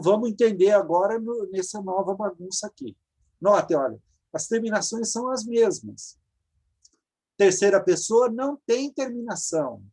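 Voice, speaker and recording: This is an online grammar lecture: a Brazilian woman, accented in Brazilian Portuguese, teaches Hebrew over video call with a medium-pitched, warm voice that has a breathy edge. She takes her time explaining and repeats forms so her students follow.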